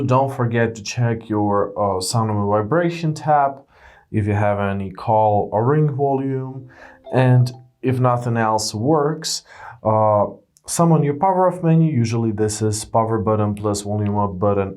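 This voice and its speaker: Low-voiced man giving step-by-step instructions. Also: a little mellow. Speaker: tech tutorial presenter. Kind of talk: step-by-step how-to narration.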